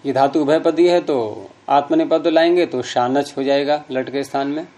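Man patiently explaining grammar, mellow tone. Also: fairly high pitch, fairly even intonation, moderate pace. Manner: patient, step-by-step explaining, repeats key terms. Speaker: Sanskrit grammar teacher. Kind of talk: explaining grammar rules with examples.

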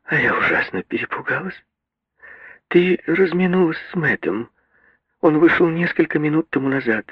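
A man's voice: fairly high pitch, lively intonation, normal speed, breathy edge, no room sound, voice pushed up. A man voicing a timid, anxious middle-aged mother who frets and pleads in a raised, strained voice, in a literary reading. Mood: flustered. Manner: fretful, pleading, breathless. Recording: dull, muffled radio recording.

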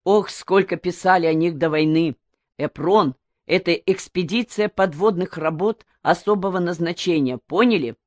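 A woman's voice: fairly low pitch, moderate pace, darkish tone, dry recording, lightly acted. A woman voicing an eager, bookish teenage boy who retells a story he read.

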